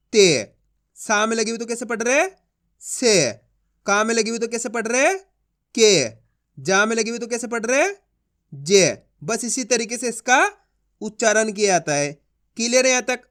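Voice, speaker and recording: A man's voice: very high-pitched, a bit bright. A young man teaching a Hindi reading lesson, repeating himself reassuringly and stretching each syllable as he sounds out words.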